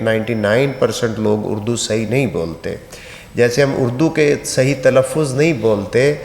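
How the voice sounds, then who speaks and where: A man from Pakistan with a Pakistani accent, giving a religious training lecture on pilgrimage rites, instructive and mixed with light humorous stories. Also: medium pitch. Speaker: Hajj trainer. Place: large mosque hall. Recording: echoey reverberant mosque hall.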